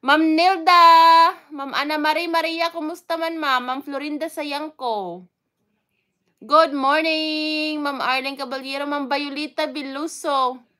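Hosting a relaxed live stream, a chatty vlogger from the Philippines calls out viewers by name between stretches of easygoing talk. She speaks unhurriedly in a high, bright, crisp voice, her speech loose and full of fillers.

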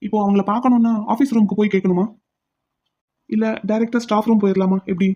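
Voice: medium pitch, fairly even intonation, fast, dull audio, natural voice. A voice actor playing an insistent, pleading young man in a cartoon. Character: brash young man pining for his brother's sweetheart.

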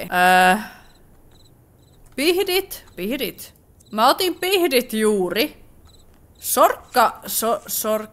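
A woman's voice: on the high side, a bit bright. Jumpy Finnish woman playing a horror game. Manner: jumpy, startled exclamations, chatty asides. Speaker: gaming YouTuber. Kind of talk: let's play commentary.

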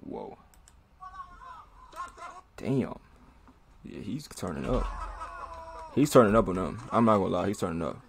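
A man with a low, gravelly voice talks through a fight clip in a relaxed, slangy way. He keeps up a running commentary for his own reaction video, exclaiming and chuckling as it plays. The tone is casual and conversational throughout. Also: measured pace, pauses often.

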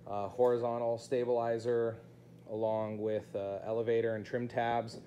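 A man's voice: mid-range voice, little pitch movement, normal speed, mellow, dull audio, slight background noise. A man in his thirties talking casually to a handheld camera in his home garage workshop, candid and thinking aloud. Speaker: vlogger building a kit airplane. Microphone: handheld phone camera at arm's length.

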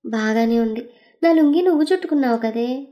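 A woman's voice: on the high side, expressive, brisk, mellow, natural voice. A woman voicing a playful, teasing husband who talks in an easygoing way.

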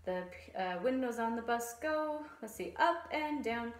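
A woman's voice: fairly high pitch, measured pace. Lady in her 30s showing a bow hold drill, easygoing with lots of ums, bit of room echo, camera mic. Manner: relaxed explaining with frequent ums, sings nursery rhyme verses. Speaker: strings teacher. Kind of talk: demonstration lesson. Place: small room at home, indoors. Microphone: camera mic, phone or webcam framing. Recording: echoey room.

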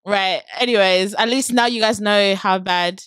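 A woman's voice: mid-range voice, moderate pace, a bit bright, smooth, dry recording. A young woman from Nigeria hosting a casual interview, teasing and laughing often. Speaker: host.

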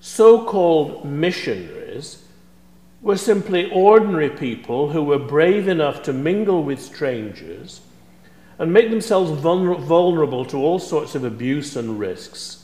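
Older male priest, measured scholarly sermon, slow delivery, church reverb. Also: on the high side, big pitch swings, warm tone. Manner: measured, scholarly preaching with a lecturing tone. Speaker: supply priest. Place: large church sanctuary before the altar. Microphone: fixed camera at a distance. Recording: echoey church with long reverb.

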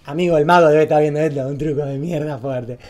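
Fast and full of slang, a young Argentine man streams a story to his camera in a fairly high-pitched voice. He's excitable throughout and grows loud when dramatizing scenes.

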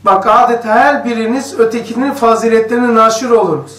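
A man's voice: very high-pitched, fairly quick, fairly bright tone. A man leading a religious study circle, reading a text aloud and explaining it to the group in a chatty way, with his voice echoing like in a cave. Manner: conversational, explains each passage and questions the listeners. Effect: cave-like echo on the voice. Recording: echoey room, voice distant from the mic.

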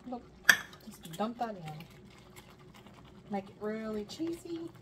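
Standing at her home stove, a woman chats casually as she cooks, thinking aloud and poking fun at herself in a home cooking vlog's cook-along narration. Her slightly high voice has lively intonation and a slow pace. An overhead camera leaves her partly off frame, and the kitchen recording is noisy.

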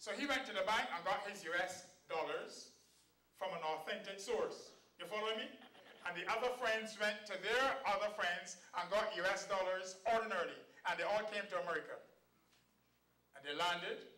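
Caribbean preacher, high and bright, quizzes his flock; recorded far off in a roomy hall. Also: normal speed. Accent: Caribbean English. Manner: quizzes the audience with rhetorical questions, quotes scripture. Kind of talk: camp meeting sermon. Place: hall at a church camp. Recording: echoey room, voice far from the mic.

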